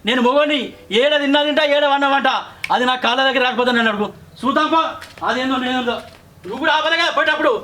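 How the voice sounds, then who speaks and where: A man's voice: very high voice, sharp tone. A man with a Telangana accent acting in a short film as a defiant, quarrelsome husband. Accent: Telangana Telugu. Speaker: drunken husband.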